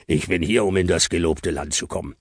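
A man's voice: sits low, fairly quick, husky, dry recording, studio quality. Man doing a pompous dreamy chocolate Santa. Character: dreamy, pious male chocolate Santa, self-satisfied.

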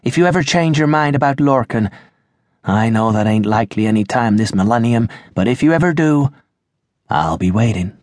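A man's voice: medium pitch, expressive, normal speed, a little mellow, dry recording, clean studio sound, close to an everyday voice. A man voicing an easygoing male vampire with a folksy, slangy drawl in an audiobook. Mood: tender. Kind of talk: audiobook character voice.

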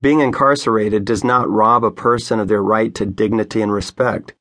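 A man's voice: on the low side, fairly even intonation, normal speed, a bit bright. A man who is a pastor narrating his own memoir audiobook in an earnest, conversational storytelling manner, recorded on a studio microphone.

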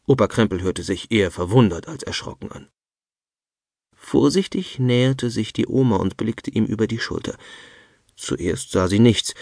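A man narrating a children's audiobook in a lively, expressive storytelling manner, close to a studio mic. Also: on the low side, slightly rough, no echo.

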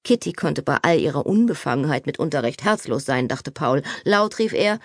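A woman narrating a novel as an audiobook, expressive and animated. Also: rumbling low, fairly quick, dry recording, clean studio sound. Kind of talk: scripted narration.

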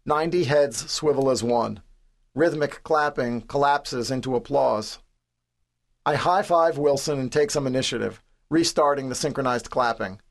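A man's voice: mid-range voice, moderate pace, gravelly. A man in his forties from the New York City area, reading his own memoir aloud in a wry, understated, self-deprecating way. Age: 40s. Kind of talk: scripted audiobook narration.

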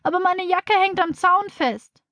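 A woman's voice: a little high, brisk, dry recording, highs cut off, close to an everyday voice. A woman voicing a frightened, whiny young schoolgirl in a children's audiobook. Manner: tearful, pleading.

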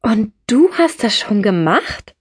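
A woman's voice: mid-range voice, big pitch swings, measured pace, darkish tone, no echo, clean studio sound. A woman voicing a curious young woman who is short on money and asks many questions. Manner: inquisitive, surprised questions.

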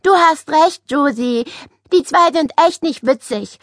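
A woman's voice: sits high, unhurried, no echo, clean studio sound, voice pushed up. A woman reading an audiobook voices a young schoolboy who speaks bluntly and matter-of-factly. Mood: annoyed. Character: young schoolboy, frank and fed up.

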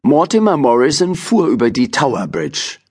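A man narrating a children's audiobook with expressive, playful storytelling. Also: mid-range voice, normal speed, husky.

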